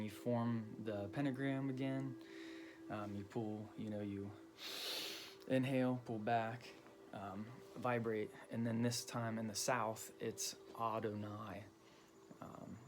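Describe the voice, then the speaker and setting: A man explaining a ritual step by step in a loose, halting way, with many ums and you-knows. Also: fairly low pitch, a little mellow, a little hiss or hum. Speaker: occult teacher. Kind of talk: casual explanatory lesson.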